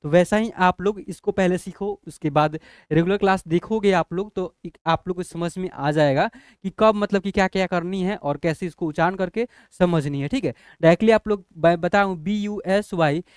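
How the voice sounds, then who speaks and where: A man's voice: high voice, normal speed, smooth, no room sound, studio quality. A man teaching a lesson, patiently spelling out letters one by one and asking the students whether they follow. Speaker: English teacher. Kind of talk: classroom lesson explaining spelling.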